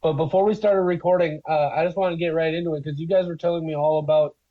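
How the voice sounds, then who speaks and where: A man's voice: on the high side, steady tone, quick pace. A man hosting a casual group chat podcast, joking around, his voice muffled as if heard over an old telephone. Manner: joking, playful. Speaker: podcast host. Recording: muffled tin-can phone-like audio.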